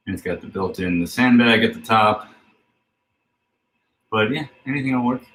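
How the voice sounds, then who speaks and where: A man working as a fitness trainer who talks through exercises in a relaxed, chatty way, recorded indoors on a camera mic from a distance. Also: lowish voice, normal speed. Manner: relaxed, chatty coaching with fillers. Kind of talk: casual workout instruction. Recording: roomy sound from a distant mic.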